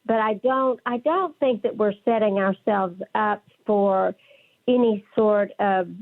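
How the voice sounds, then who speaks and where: A woman's voice: mid-range voice, slow. A woman with a West Texas twang, speaking conversationally as a counselor being interviewed on the radio. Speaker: interview guest, licensed professional counselor. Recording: phone-like narrow band.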